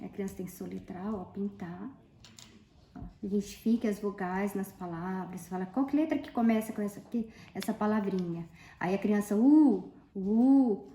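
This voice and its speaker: A woman's voice: medium pitch, mellow. Woman, tutor, casual teaching, roomy echo, faint background hum. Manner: explains while showing worksheets, many pointing asides. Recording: echoey room, faint background.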